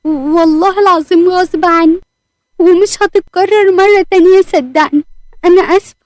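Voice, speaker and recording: A woman's voice: extremely high pitch, steady tone, brisk, no room sound, pitched above the performer's own voice. A woman voicing a frightened, guilty young female shop worker who cries and pleads, with an Egyptian accent. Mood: pleading. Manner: pleading, apologetic. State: crying.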